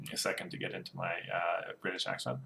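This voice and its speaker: A man with a low voice co-hosts a casual card game chat, stumbling through restarts and fillers as he explains. His voice rings with a noticeably roomy echo. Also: lively intonation, normal speed, gravelly, bright, forceful tone, a little hiss or hum. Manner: hesitant, many fillers and restarts. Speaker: co-host.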